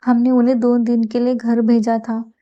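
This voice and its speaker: Woman reading as a strict middle-aged mom scolding, even flat tone, lo-fi sound. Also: on the high side, moderate pace, natural voice.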